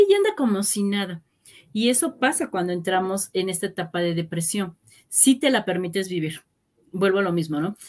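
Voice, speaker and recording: A woman hosting a talk on grief, explaining reflectively with everyday examples. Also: lowish voice. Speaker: host. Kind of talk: casual talk on grief and healing.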